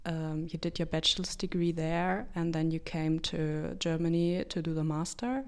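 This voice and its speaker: A woman hosting a conversation, asking her guest questions at a calm, unhurried pace. Her voice is lowish and stays level, with very little rise and fall. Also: clear, resonant tone. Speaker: host, interviewer. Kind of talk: interview questions.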